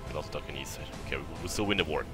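A young Italian man gives rambling, casual let's-play commentary over music while playing a strategy game, laughing often and talking to the enemy. His voice is a rumbling low and he speaks at a racing pace. His faint Italian accent has been softened by years in Sweden.

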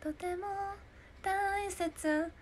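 A woman's voice: extremely high pitch, fairly even intonation, drawn-out words, slight background noise. A young woman in her twenties hosting a stream, chatting casually and giggling as she answers viewer comments. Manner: giggly and chatty, often laughing. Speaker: idol hosting a live stream talk show.

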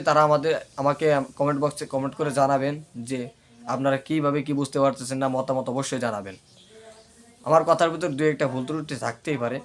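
A man with a Bangladeshi Bengali accent teaching Arabic letter pronunciation, repeating syllables in drills and checking whether listeners follow. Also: on the high side. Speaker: Quran recitation teacher.

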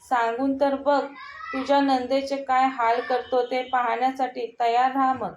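A cruel, scheming young man, taunting and sneering in a high voice, as a woman storyteller puts him on. The sound is roomy and echoey, as in a bare room. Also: little pitch movement, measured pace, muffled recording, slight background noise. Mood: menacing.

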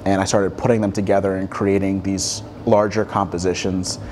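Young man, low voice, halting answers. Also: little pitch movement, a little mellow, slight background noise. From Ethiopia, raised across Africa. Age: 20s. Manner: thoughtful, many ums and restarts. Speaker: guest artist. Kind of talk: relaxed interview answers. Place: dim studio with armchairs.

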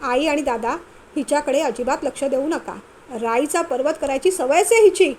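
A woman's voice: sits high, moderate pace, darkish tone, slight background noise, natural voice. A woman reading a stern, impatient young husband. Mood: scolding. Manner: scolding, impatient, mocking. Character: stern young husband tutoring his wife.

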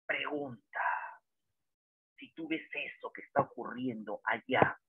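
A man, a history teacher giving a lively lecture full of dramatic storytelling and rhetorical questions, heard over a tinny phone-like line. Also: medium pitch, unhurried, husky, no echo. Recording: dry, tinny phone-like sound.

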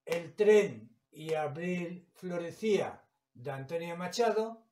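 Slow, patient teacher with a high voice. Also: male voice, animated, darkish tone. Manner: slow, patient, broken into short phrases. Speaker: primary school teacher. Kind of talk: explaining a lesson. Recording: echoey room, mic far off.

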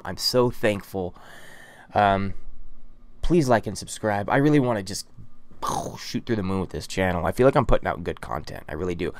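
A man's voice: lowish voice, a little mellow, no room sound. A man rambling casually to his subscribers in a vlog, full of fillers and restarts. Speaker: vlogger.

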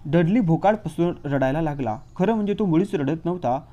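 A man narrating an audiobook in a lively, expressive reading style. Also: on the high side, a little fast, lo-fi sound. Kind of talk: storybook narration.

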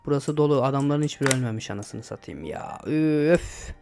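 A young man giving casual gameplay commentary, excitable, shouting and swearing at the game as he plays. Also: mid-range voice, normal speed, music in the background. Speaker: gaming YouTuber.

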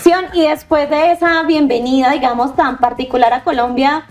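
A woman interviewing her guest, asking measured, prompting questions. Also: sits high, steady tone.

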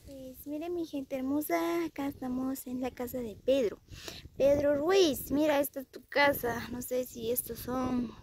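A Guatemalan woman with a high voice talks casually as a vlogger, asking simple questions. She is recorded outdoors on a handheld phone, with some faint noise around her. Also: unhurried, a little mellow. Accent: Guatemalan Spanish. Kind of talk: casual vlog chat and informal interviewing. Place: outdoors in a rural hillside yard. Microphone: handheld phone behind the camera.

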